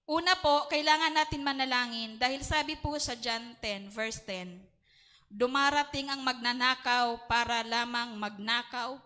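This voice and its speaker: Woman with filipino accent, bright voice, earnest church testimony. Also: fairly high pitch. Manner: earnest, mixes Tagalog and English. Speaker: prayer meeting speaker. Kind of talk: prayer and testimony sermon.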